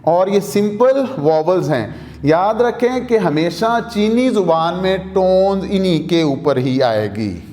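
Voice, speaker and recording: A man with a Pakistani Urdu accent teaching a language lesson in a studio, slowly repeating points and answering his own questions. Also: high voice, animated, a little mellow, in a large hall. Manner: slow, repetitive, asks and answers own questions. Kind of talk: video lesson explaining rules.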